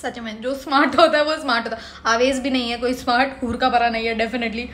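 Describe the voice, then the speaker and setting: Animated high-voiced woman reviewer. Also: fast talker, slight background noise. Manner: animated, opinionated, laughs and mimics often. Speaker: reality show reviewer. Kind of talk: casual reaction commentary.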